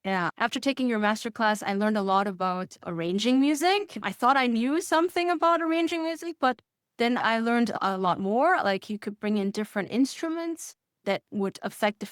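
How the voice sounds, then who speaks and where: A music course student gives a testimonial, answering interview questions conversationally with enthusiasm and frequent chuckles as she explains things. Her voice is fairly high, and the studio-quality recording has no room sound.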